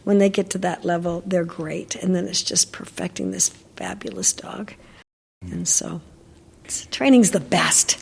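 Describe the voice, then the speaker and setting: A woman's voice: lowish voice, expressive, unhurried, gravelly, breathy edge, big-room sound. An older woman, a dog trainer, chatting in an interview and telling stories with lots of fillers and restarts. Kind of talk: casual interview chat.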